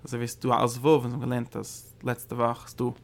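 A man delivers a religious study lecture in a gravelly, mid-pitched voice. He talks in halting bursts, doubling back on his words. Every so often he lifts his voice high to drive a point home. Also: level tone. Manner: halting, repeats words and restarts phrases; sudden emphatic rises when stressing a point. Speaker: Torah teacher.

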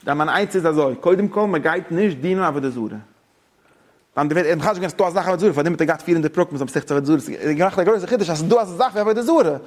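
A man teaching a Torah lesson, talking excitedly with stumbling restarts and English words mixed in. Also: high voice. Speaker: religious teacher.

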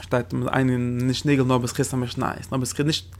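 A man teaching a lesson on religious texts, explaining quickly and often posing rhetorical questions to his listeners. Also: medium pitch, level tone. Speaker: Torah teacher.

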